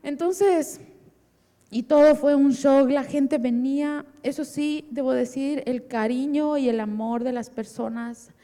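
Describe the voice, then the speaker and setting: A woman's voice: high voice, a little slow, mellow, long reverb tail. A middle-aged woman giving an emotional personal testimony in church and vividly acting out remembered dialogue. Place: church hall.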